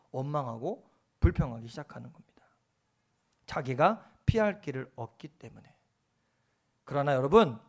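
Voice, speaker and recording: High-voiced male pastor preaching. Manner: acts out dialogue, swings from soft to loud. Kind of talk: sermon. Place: church.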